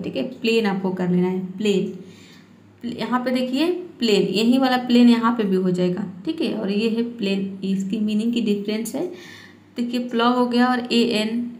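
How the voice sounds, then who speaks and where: Give me a patient woman teacher with a fairly high voice, recorded in an echoey room. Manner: patient, repeats each point with "ठीक है". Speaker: English teacher. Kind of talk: explaining spelling and pronunciation rules.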